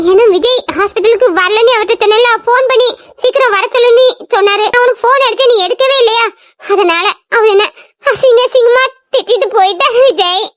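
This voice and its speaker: A woman's voice: extremely high pitch, no room sound, dull audio. A woman voicing an anxious young woman doctor. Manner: pleading, anxious. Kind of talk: audio drama acting.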